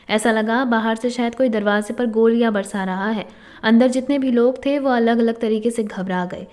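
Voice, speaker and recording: Woman, story narrator, scripted narration, dramatic, emphatic, fairly high voice. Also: darkish tone.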